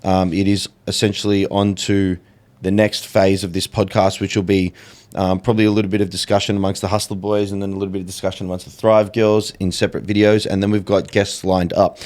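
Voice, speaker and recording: A man with a lowish voice hosts a podcast in a relaxed, conversational way. He rambles a little and laughs easily as he wraps up with listeners. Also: brisk. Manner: laid-back, laughs often, rambling sign-off. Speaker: podcast host. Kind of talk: casual chat.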